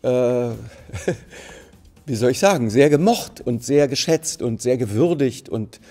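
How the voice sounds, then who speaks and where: Slow, mellow-voiced middle-aged German man. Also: medium pitch, lively intonation, faint music behind. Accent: Berlin German. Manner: thoughtful, searching for words with many fillers and restarts. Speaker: actor interviewed for a museum anniversary. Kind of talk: reflective interview answers to camera. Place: plain bright indoor studio. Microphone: seated, framed mid-shot to camera.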